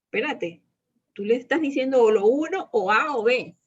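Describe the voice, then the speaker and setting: A woman's voice: on the high side, lively intonation, normal speed, muffled recording, slight background noise. A woman leading an interactive Bible lesson on prayer, coaching her students emphatically and repeating key phrases. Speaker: prayer teacher.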